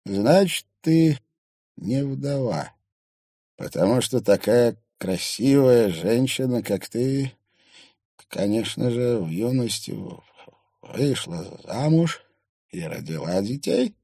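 A man reading an audiobook, voicing a kind old man who speaks slowly and sadly, with no hatred in his voice. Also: medium pitch, expressive, mellow, dry recording, clean studio sound, voice pushed up. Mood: sorrowful. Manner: slow, mournful, without hatred. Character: gentle old widowed man, sorrowful and kind.

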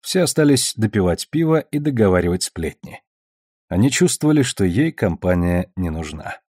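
A man narrating a novel as an audiobook reader, in an even, measured way. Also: lowish voice, husky, no room sound, clean studio sound.

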